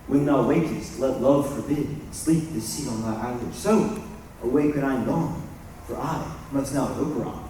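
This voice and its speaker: A man's voice: mid-range voice, warm tone, slight background noise, close to an everyday voice. A young man playing Puck, a mischievous sprite. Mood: playful. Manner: brisk, rhyming verse delivery. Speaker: stage actor. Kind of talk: school stage play. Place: school stage. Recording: echoey hall from far off.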